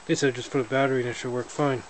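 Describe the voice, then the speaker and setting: Filming on a handheld camera in a windowed garage or shed, a man casually narrates a walkaround of his snowmobile in a relaxed, matter-of-fact way. His mid-range voice races along, and the camera audio is noisy.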